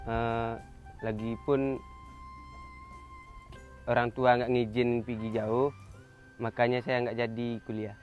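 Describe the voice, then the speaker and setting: A man's voice: medium pitch, muffled recording. A man of twenty speaking plainly and a little hesitantly in an interview. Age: 20s. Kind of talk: casual testimonial.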